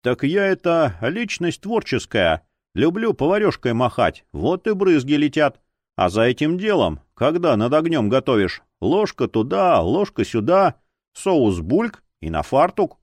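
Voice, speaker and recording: A man's voice: a little high, sing-song, a little slow, dry recording. An easygoing aging cook, voiced by a male narrator, bantering and defending himself with a drawl. His talk is joking and self-deprecating, recorded close and dry. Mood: defensive.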